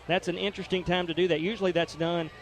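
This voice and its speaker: A man giving radio color commentary for high school football, folksy and partisan as he breaks down plays. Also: flat delivery, fast.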